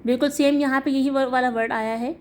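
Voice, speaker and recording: A woman teaches an online lesson. She works patiently through each example, spelling out letters and their sounds slowly so students can follow. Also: high voice, fairly even intonation, a little mellow, slight background noise. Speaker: Quran reading teacher.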